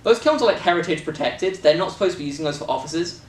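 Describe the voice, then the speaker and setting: A man's voice: a little high, animated, fast. A British man chatting casually and jokily about a film shoot, rambling with lots of fillers. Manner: rambling, jokey, many fillers. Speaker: filmmaker and co-host. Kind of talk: casual chat. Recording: echoey room from a distance with faint noise.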